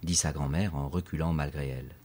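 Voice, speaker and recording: A man briskly reads a children's story aloud, his narration steady and expressive. His very deep voice carries a husky, breathy grain, and he paces the scenes like a seasoned audiobook reader.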